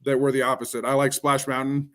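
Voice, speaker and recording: Man, casual chat, middle pitch, rambling, many fillers. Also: flat delivery, quick pace. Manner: rambling, frequent "like" and restarts. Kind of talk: casual chat on a live stream.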